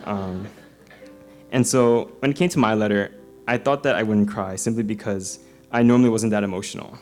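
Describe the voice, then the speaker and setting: A man's voice: fairly low pitch, moderate pace, a little mellow, faint music behind. A young man in his twenties from Singapore giving his baptism testimony at a church service, earnest and peppered with ums and uhs. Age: 20s. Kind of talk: prepared personal testimony.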